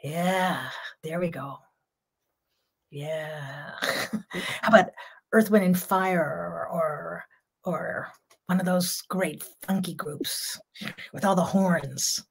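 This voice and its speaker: An older jazz singer joins a casual video-call interview from a room at home, talking freely and laughing often. Her strong, lowish voice is very slow and gravelly with a breathy edge, and she pauses often.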